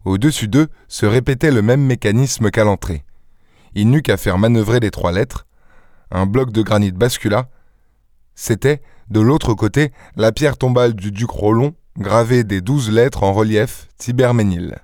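A man narrating a story as an audiobook reader, in a measured, even storytelling delivery. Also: fairly low pitch, dry recording, clean studio sound.

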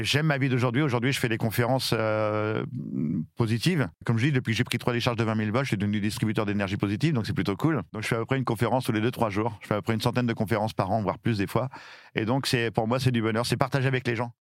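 A man in his fifties from France, telling his story in an interview with lively, emphatic delivery. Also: on the low side, no room sound, clean studio sound. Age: 50s. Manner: lively, emphatic, acts out shouted quotes. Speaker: interview guest.

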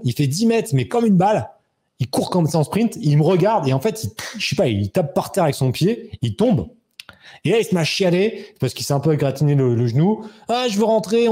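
A man in his thirties telling a personal story as an interview guest, animated and acting out quoted dialogue. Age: 30s. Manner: animated, acts out quoted dialogue with raised pitch. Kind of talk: casual storytelling.

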